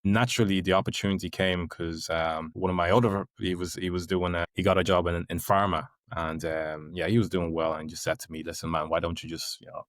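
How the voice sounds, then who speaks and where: A man born in Nigeria and raised in Ireland, hosting a relaxed, easygoing podcast chat. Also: low-pitched, fairly quick, hardly any pauses, no room sound, clean studio sound. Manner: relaxed, easygoing, lots of backchannel. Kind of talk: casual chat.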